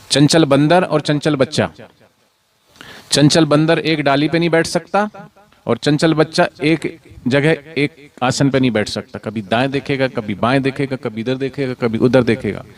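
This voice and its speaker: A man telling a devotional story to children, animated, with frequent call-and-response prompts. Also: medium pitch. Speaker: spiritual storyteller.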